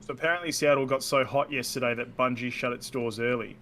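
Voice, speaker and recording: A man with an Australian accent hosting a casual podcast chat, laid-back and quick to laugh. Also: medium pitch, fairly even intonation, fairly bright tone, slight background noise. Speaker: podcast host.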